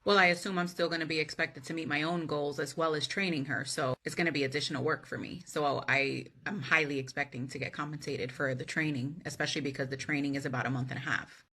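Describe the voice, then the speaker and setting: A woman's voice: sits low, steady tone, fast talker, few pauses, pushed and bright, husky, heavily acted. A woman playing an assertive, sardonic office employee in a workplace comedy skit, speaking firmly, bluntly and with sarcasm. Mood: matter-of-fact, firm. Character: assertive, sardonic female office employee who refuses unpaid work.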